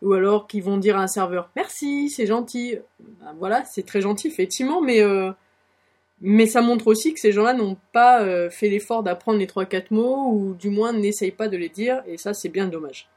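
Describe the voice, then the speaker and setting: A woman's voice: mid-range voice, normal speed, darkish tone. A woman with a French accent hosting a casual audio lesson, chatty and encouraging, with frequent hesitations. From France. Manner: chatty, many fillers, encouraging. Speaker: blog host teaching English phrases.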